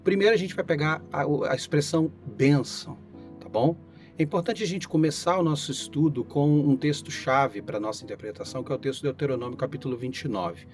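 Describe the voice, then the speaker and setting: A man's voice: on the high side, fairly quick, a little mellow. A Brazilian man giving an informal Bible lesson as a pastor, explaining things step by step and checking in with listeners, his voice tired and giving out after a flu. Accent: Brazilian Portuguese. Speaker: pastor teaching Bible study. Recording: guitar music behind the voice.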